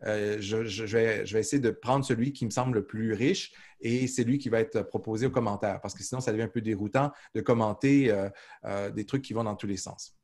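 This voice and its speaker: A man's voice: fairly low pitch, steady tone, fairly quick, darkish tone. A man teaching a literature class, answering students' questions with frequent hesitations and restarts. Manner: hesitant, many "euh" fillers and restarts. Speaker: literature professor.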